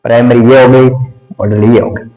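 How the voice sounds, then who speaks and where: A man teaching English grammar in Hindi, explaining slowly and repeating lists aloud while he writes. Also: mid-range voice, steady tone, dark tone, dull audio. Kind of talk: classroom grammar lesson. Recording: echoey room.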